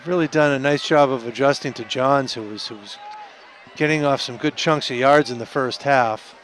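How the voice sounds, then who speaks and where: A man giving color commentary at a local high school football game, talking through the blocking in a chatty way and correcting himself. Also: normal speed, fairly bright tone. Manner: chatty analysis with self-corrections and light laughs. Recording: outdoor stadium with crowd and noise. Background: crowd and field noise.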